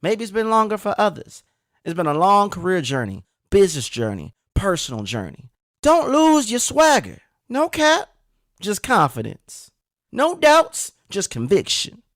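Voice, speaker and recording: Lively, emphatic motivational podcast man. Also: high-pitched, measured pace, dry recording, clean studio sound. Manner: energetic, emphatic, talks straight to the listener. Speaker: podcast host.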